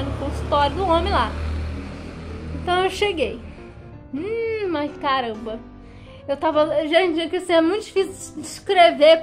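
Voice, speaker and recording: A young woman telling a dramatic personal story in a casual, animated way. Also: high-pitched. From Brazil. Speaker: vlogger.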